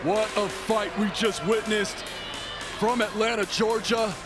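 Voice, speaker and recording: A man doing excited, emphatic pro wrestling commentary, often shouting his calls. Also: high-pitched, unhurried. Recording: loud music behind.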